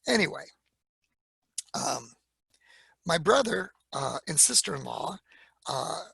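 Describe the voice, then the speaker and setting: Man, storyteller at a library talk: gravelly and husky, lively pitch, drops into quoted voices. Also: slow, no room sound. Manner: animated retelling with quoted voices and fillers. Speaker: speaker giving a library talk.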